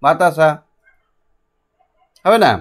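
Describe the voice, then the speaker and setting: A middle-aged man teaching a classroom lesson, patiently repeating and drilling syllables slowly. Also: fairly high pitch.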